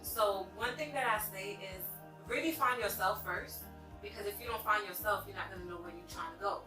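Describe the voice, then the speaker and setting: A woman's voice: medium pitch, fairly quick. A woman in her twenties, a salon owner and interview guest, speaking earnestly in casual chat with filler words. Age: 20s. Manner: earnest, talks in 'like' and 'you know' fillers. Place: hair salon. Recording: echoey room, mic at a distance, faint music.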